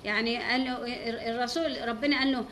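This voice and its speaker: A woman's voice: fairly high pitch, steady tone, fast talker, a bit bright, slight background noise. An Egyptian woman giving an informal religious talk as a teacher, devout and full of pious exclamations.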